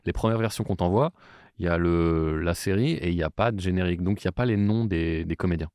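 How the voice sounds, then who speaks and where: Man, very deep voice, casual interview host, halting delivery, dry close sound. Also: a little mellow, dry recording. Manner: hesitant, many fillers and restarts. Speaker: podcast host.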